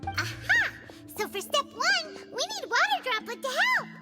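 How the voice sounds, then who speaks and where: A woman voicing a tiny, excitable, childlike girl character with a squeaky, bubbly delivery in a video game. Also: measured pace, full character voice. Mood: chirpy, curious. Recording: music behind the voice.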